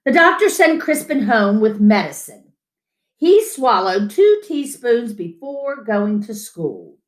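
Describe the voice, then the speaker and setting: A middle-aged woman reading a picture book to children expressively, with dramatic, deliberate pauses. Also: a little high, sing-song. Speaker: children's storyteller. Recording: roomy home echo.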